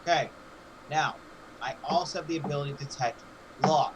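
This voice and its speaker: A man's voice: on the high side, a little fast, noisy background. A man playing a tabletop game, pressing the game master with insistent questions. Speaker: player.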